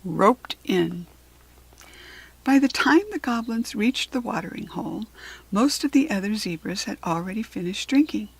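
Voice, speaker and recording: Reading a children's book aloud, an American woman narrates expressively in a breathy voice. Her pitch is medium and her speed normal, though the recording is rough.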